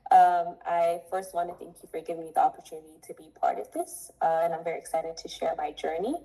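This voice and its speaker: A young adult woman from Ethiopia, a coffee importer speaking earnestly as an interview guest, with many pauses to think. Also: fairly low pitch, gravelly, mellow, rough recording. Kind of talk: interview conversation.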